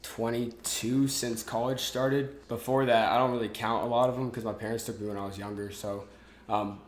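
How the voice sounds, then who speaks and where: At a moderate pace and mid-range pitch, a man in his twenties talks casually as a podcast guest, relaxed and full of fillers and restarts. The audio is reverberant.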